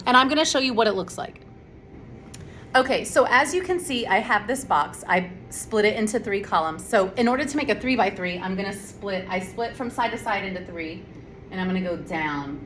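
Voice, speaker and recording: A woman's voice: mid-range voice, a bit bright, slight background noise. A woman teaching math to her students in a chatty, casual tutorial. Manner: chatty, talks directly to students. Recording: echoey room with faint ambience.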